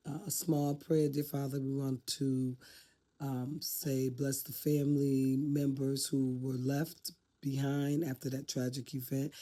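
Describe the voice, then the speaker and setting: A woman's voice: a bass voice, mellow. An older woman talking to camera off the cuff, reflective and heartfelt as she shares life advice. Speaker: vlogger giving life advice. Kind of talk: casual unscripted talk to camera.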